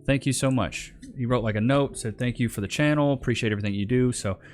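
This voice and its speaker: Hosting an online reaction video, a man comments on clips casually and emphatically in slang, streamer-style. His mid-range voice moves fast, with faint music behind.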